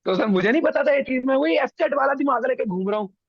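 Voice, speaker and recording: A man's voice: very high-pitched, fast, dry recording, lo-fi sound. A young man from India, a guest on an interview show, telling his story casually and acting out what others said. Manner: animated, acts out others' lines.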